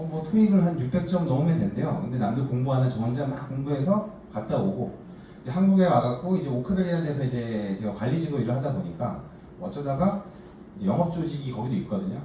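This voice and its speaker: A man's voice: mid-range voice, warm tone. A man in his forties from Gangneung, telling his own life story to a group in a chatty, self-mocking way with many fillers. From Gangneung, Gangwon Province, South Korea. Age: 40s. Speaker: case presenter at a workshop. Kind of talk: personal story talk to a group. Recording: echoey room, distant mic, faint hiss.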